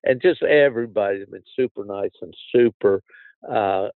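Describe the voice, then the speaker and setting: A man's voice: on the low side, normal speed, no room sound, phone-quality sound. An older man hosts a casual outdoors podcast in a folksy, plain-spoken way. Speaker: podcast host.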